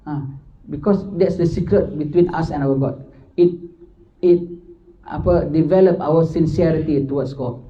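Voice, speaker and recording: A man's voice: on the high side, unhurried, long pauses. An older man with a Malaysian Malay accent, giving an informal religious lecture and asking his listeners questions. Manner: conversational, asks listeners questions, mixes in English. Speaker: religious teacher. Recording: dull lo-fi lecture recording.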